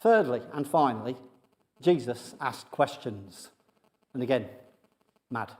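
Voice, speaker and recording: A man giving a conversational sermon to a congregation, joking about himself and often pausing with fillers. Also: mid-range voice, animated, a little mellow. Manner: humorous, self-deprecating, many fillers. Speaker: preacher. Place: church sanctuary with congregation.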